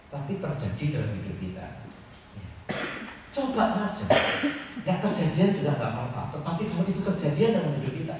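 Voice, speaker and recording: A man preaching a lively, joking sermon to his congregation, with a Javanese-tinged accent. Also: high voice, distant mic, a little hiss or hum. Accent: Javanese-tinged Indonesian. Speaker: pastor. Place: church hall. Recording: echoey hall, picked up from afar.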